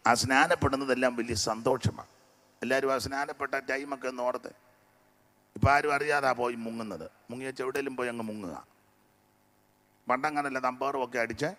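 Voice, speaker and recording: A man preaching a sermon with a strained throat, swinging between loud declaiming and quiet asides. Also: mid-range voice. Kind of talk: Malayalam sermon with singing.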